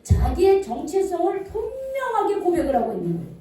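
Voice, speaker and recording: Woman pastor, sermon delivery with questions to the pews, warm mellow tone, miked from a distance in a reverberant church. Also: very high voice, wildly swooping pitch, brisk. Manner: asks the congregation questions and answers them. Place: church sanctuary. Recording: echoey church hall, voice from far off.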